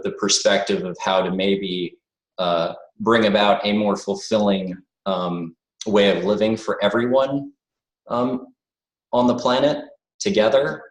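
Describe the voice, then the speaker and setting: Joining an interview by video call, a man with a fairly low voice, American-born but raised abroad, speaks thoughtfully and hesitantly with many filler words. The conversation is reflective, and the audio is poor with a roomy sound.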